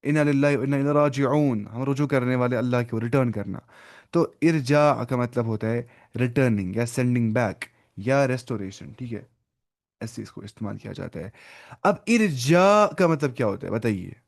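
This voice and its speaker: A man's voice: medium pitch, normal speed, gravelly. A man with an Urdu-speaking accent teaching an online Arabic lesson, thinking aloud, looking up words and correcting himself as he goes.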